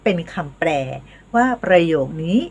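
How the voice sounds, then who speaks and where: An older woman teaching a language lesson, patiently leading slow counting drills. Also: lowish voice, a little mellow. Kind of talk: home video language lesson.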